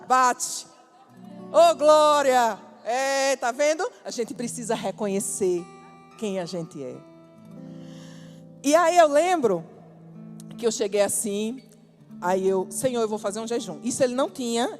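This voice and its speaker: Woman preacher, testimony sermon, animated storyteller, big hall reverb. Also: fairly high pitch, measured pace, soft background music. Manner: lively storytelling, acts out dialogue, bursts of emphasis.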